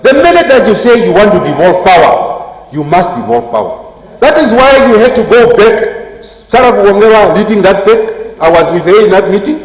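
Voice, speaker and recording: A man, a member of parliament, giving a forceful, combative debate speech full of rhetorical repetition. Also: sits high. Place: large parliament chamber. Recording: echoey debating chamber, murmuring members.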